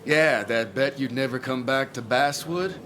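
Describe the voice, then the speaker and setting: Slow-talking snarky guy, needling, game dialogue. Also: mid-range voice, fairly bright tone, a little hiss or hum. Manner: sarcastic, needling. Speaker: IT worker.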